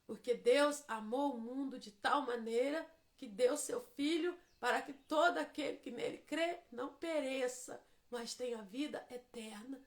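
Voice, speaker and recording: A Brazilian woman preaching a devotional sermon. She builds to fervent, sing-song shouting in prayer. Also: high-pitched, measured pace. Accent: Brazilian Portuguese.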